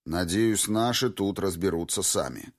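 A man's voice: sits low, unhurried. A man doing a cold, clipped commander. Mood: stern. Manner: curt, commanding.

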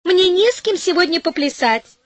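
A woman's voice: extremely high pitch, animated, normal speed, no echo, voice pushed up. A woman voicing a tiny, playful female fairy in a storybook reading, light and merry. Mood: cheerful.

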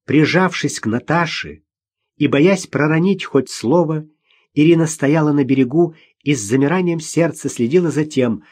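A man's voice: fairly high pitch, darkish tone, breathy edge. A man reading a novel aloud as an audiobook narrator, telling the story expressively.

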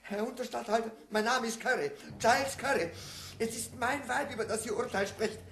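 An actor playing an agitated, indignant old farmer, loud and excitable, in an echoey 1950s German radio play. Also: male voice, extremely high pitch, a little fast, a little hiss or hum. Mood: indignant, pleading. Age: older. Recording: echoey courtroom sound, off mic.

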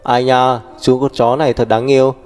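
A doting old great-grandfather, voiced by a male audiobook reader, in a mellow, darker voice. He fusses over the little ones with cheerful exclamations. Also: mid-range voice, flat delivery, normal speed, faint music behind, close to an everyday voice. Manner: warm, fussing and cheerful.

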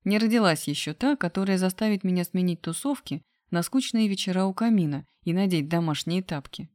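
A woman's voice: on the low side, lively intonation, fairly quick, a little mellow, dry recording, natural voice. A woman reading aloud, voicing a joking, mocking man of about thirty. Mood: jokey. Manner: jokey and mocking. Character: joking playboy brother, man around thirty. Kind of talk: audiobook character voice.

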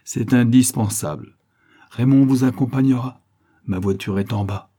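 A man voicing a calm, firm police inspector who speaks with quiet authority. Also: medium pitch, moderate pace, natural voice. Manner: firm, reasonable, commanding.

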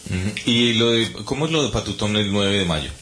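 A man's voice: on the low side, expressive, brisk, a bit bright, husky. A man hosting a community radio interview, asking teasing, playful questions. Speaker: radio host.

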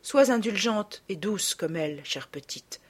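A woman's voice: mid-range voice, a little slow, breathy edge. Woman doing a tender, refined lady. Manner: calm, tender and polite. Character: kind, refined noble mother.

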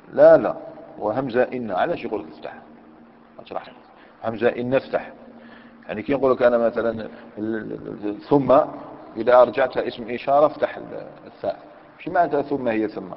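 A man's voice: mid-range voice, vocal fry. Algerian man teaching grammar in echoey hall. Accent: Algerian Arabic. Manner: conversational, questions students, mixes dialect with classical recitation. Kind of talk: classroom lesson with students. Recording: dull lo-fi recording in a long-echo hall, faint noise.

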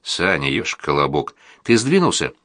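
A man's voice: extremely low pitch, big pitch swings, moderate pace, fairly bright tone, heavily acted. A man reading aloud, voicing an agitated young male medical student scolding his friend. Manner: angry, scolding.

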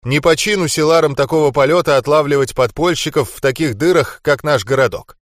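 A man's voice: a little high, brisk, dry recording, clean studio sound, natural voice. A man voicing a blunt, talkative middle-aged rebel stonemason. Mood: boasting.

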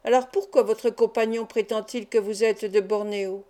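A woman's voice: mid-range voice, fairly even intonation, normal speed, dark tone, close to an everyday voice. A woman reading the lines of a young male hospital intern who asks brusque, probing questions.

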